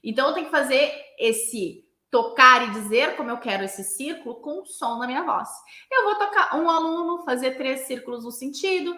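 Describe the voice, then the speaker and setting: Brazilian pilates instructor lady explaining stuff, high voice, keeps saying né, echoey room. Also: lively intonation, moderate pace, sharp tone. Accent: Brazilian Portuguese. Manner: explanatory, with frequent "né?" tag questions. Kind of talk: teaching talk to instructors.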